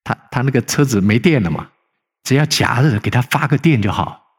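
A man's voice: medium pitch, animated, a little fast, slightly rough. A middle-aged male pastor preaching a conversational sermon, telling stories animatedly and acting out the people he quotes in a raised voice. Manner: frequent tag particles, conversational preaching. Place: church sanctuary. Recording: long hall reverb.

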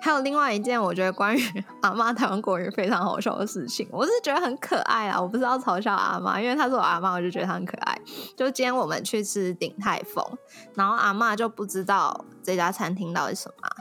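A young woman with a Taiwanese Mandarin accent, co-hosting a podcast, telling a story in a lively way and often laughing. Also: medium pitch, fast, faint music behind. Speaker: podcast co-host. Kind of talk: casual chat.

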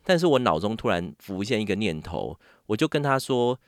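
A man with a Taiwanese Mandarin accent tells a story as a podcast guest. His voice sits low but leaps high when he acts out what others said. The sound is dry and close, with no room echo. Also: a little fast. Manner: animated, acts out other people's lines with sudden pitch jumps. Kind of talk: casual storytelling chat.

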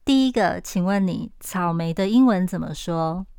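A Taiwanese woman with a Taiwanese Mandarin accent, teaching English pronunciation in a podcast lesson in a lively, coaxing way and saying example words slowly. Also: on the low side, vocal fry, clear, resonant tone, dry recording, clean studio sound.

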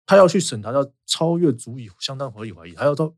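A man with a Taiwanese Mandarin accent talks through legal cases in a relaxed podcast chat, rattling along at a quick pace. His pitch swings widely as he builds examples. The recording is close and dry. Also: no room sound. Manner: animated, explains with quick examples and laughs. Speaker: lawyer. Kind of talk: casual podcast chat explaining law.

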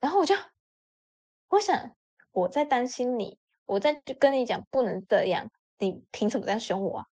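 A woman telling a story in a casual chat with lots of expression, jumping up in pitch when she voices her friends. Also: moderate pace. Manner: animated, acts out friends' lines with sudden pitch jumps. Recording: dull lo-fi audio.

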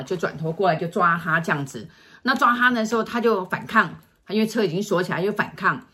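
A middle-aged woman, telling a story in casual chat and acting out quoted lines in a hushed voice. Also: lowish voice. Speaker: feng shui consultant telling stories.

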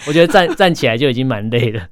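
A man in his thirties speaks Mandarin with a Taiwanese accent. He talks very fast in a smooth, clear voice and chats casually as a guest. He often repeats and restarts words while telling his stories. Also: mid-range voice, no echo, clean studio sound. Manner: chatty, stammers and repeats words when excited. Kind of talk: casual storytelling chat.

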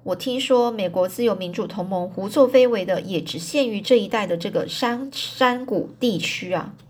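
A woman's voice: medium pitch, moderate pace, husky, close to an everyday voice. A woman voicing an anxious young woman who pleads and worries aloud. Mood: worried.

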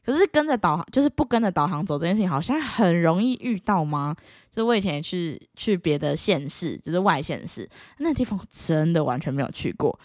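A young woman with a Taiwanese Mandarin accent talks straight to camera in a casual, exasperated vlog style. Her pitch jumps around a lot as she acts out the back-and-forth of her stories. The recording is dry and close, with no room sound. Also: fairly quick, no room sound. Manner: exasperated, animated, acts out quoted dialogue. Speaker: vlogger.

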